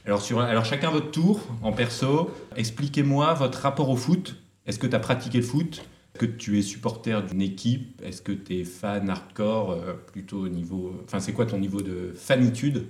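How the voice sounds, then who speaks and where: A man's voice: fairly low pitch, normal speed, a little mellow. A man hosting a casual podcast, leading with direct, chatty questions. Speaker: podcast host. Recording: echoey room.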